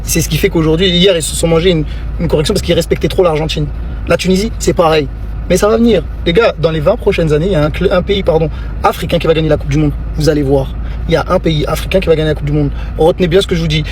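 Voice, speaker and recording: Male vlogger, rapid and insistent, speaking to camera, faint background noise. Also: on the high side. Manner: insistent, direct address. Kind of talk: casual vlog commentary.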